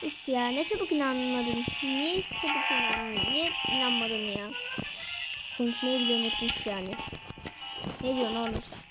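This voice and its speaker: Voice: medium pitch, moderate pace, poor audio. A channel host doing playful, teasing cartoon role-play banter. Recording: voice over loud background music.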